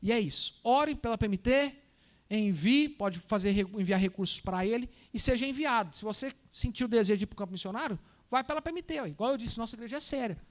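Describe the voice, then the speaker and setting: A man's voice: very high-pitched, expressive, quick pace. A man with a Minas Gerais accent, a missionary giving a Sunday school talk with slides, speaking conversationally and often calling the listeners brothers and sisters. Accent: Minas Gerais Brazilian Portuguese. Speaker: missionary presenting to a church.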